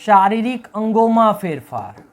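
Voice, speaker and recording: Very animated yet unhurried, a high-voiced man teaches a video lesson in classroom style. He's emphatic and repetitive, asking himself questions, answering them, and frequently tagging on "right?".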